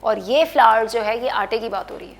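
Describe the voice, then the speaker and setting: A woman's voice: fairly high pitch, a little fast, vocal fry. A woman teaching an English grammar lesson, explaining patiently and often checking in with the listener. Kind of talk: bilingual classroom lesson.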